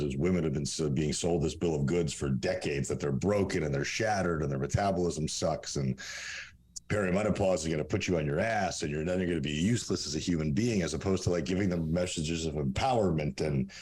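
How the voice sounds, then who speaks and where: In a candid podcast interview, a Russian man in his forties, a native Russian speaker, appears as a guest fitness coach. His low, darkish, slightly rough voice rambles bluntly, with swearing and plenty of fillers.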